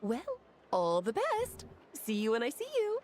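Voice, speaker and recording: A woman's voice: on the high side, wildly swooping pitch, a little slow, darkish tone. A woman voicing a playful, self-assured, doting mage mother in a video game. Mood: doting, cheerful. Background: music.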